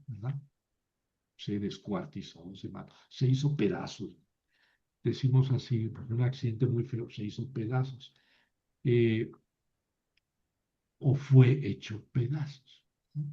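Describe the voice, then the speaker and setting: Male lecturer, mid pitch, slow and patient, methodical with playful asides; muffled lo-fi recording. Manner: slow, patient, with frequent "¿verdad?" checks. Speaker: Biblical Hebrew teacher.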